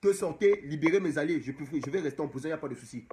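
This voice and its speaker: A man's voice: fairly high pitch, rapid-fire, darkish tone, slight background noise. A young man from Cameroon, an activist abroad, speaking straight to the camera and exhorting his audience, repeating the same phrases again and again. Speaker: diaspora activist. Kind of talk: impassioned direct-to-camera monologue.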